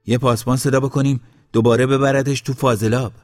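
A man doing an excited young man in a crowd. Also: medium pitch, no echo, clean studio sound, faint music behind, pitched above the performer's own voice, lightly acted. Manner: excited, insistent.

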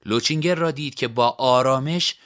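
A man narrating a story in an expressive storybook reading. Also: medium pitch.

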